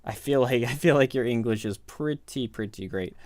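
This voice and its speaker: Chatting with his live audience during a gaming stream, a man in his thirties from the American Midwest rambles along in a casual, self-deprecating way. His voice is mid-range, a little mellow, and moderately paced, with a dry recording and a Midwestern accent.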